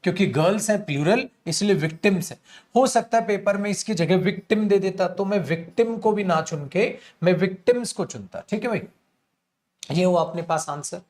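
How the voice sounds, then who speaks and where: A young man teaching an exam-prep class, asking his students questions and answering them himself, and reading English sentences slowly word by word. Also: high voice, darkish tone. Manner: addresses students as beta and mere dost, asks and answers his own questions. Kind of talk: online exam-prep lesson.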